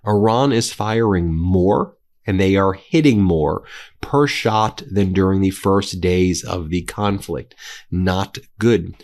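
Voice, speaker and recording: A man's voice: sits low, slow, darkish tone. A man hosting political commentary, talking in an indignant, combative way straight at his target. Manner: indignant, combative, direct address.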